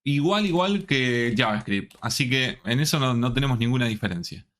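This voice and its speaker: A man's voice: mid-range voice, lively intonation, fairly bright tone. A man teaching a live online programming class, checking in with the students at nearly every step. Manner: slow, checks in often with the students.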